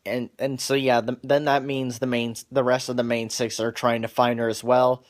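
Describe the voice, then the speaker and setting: Halting man recapping a cartoon. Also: mid-range voice, level tone. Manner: halting, with frequent restarts and repeated words; wears glasses on camera. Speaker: cartoon episode reviewer. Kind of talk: casual plot recap.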